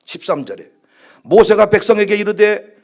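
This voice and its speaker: A male pastor with a Jeolla accent preaching a sermon at a prayer meeting, dramatic, with rhetorical questions and swings from hushed to loud. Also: sits high, expressive, moderate pace. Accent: Jeolla Korean.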